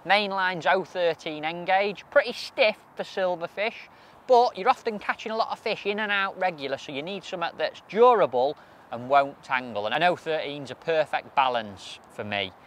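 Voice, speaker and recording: A man's voice: fairly high pitch, expressive, normal speed, fairly bright tone. A man in his thirties, a match angler, chatting practically through fishing tips while seated outdoors by a lake.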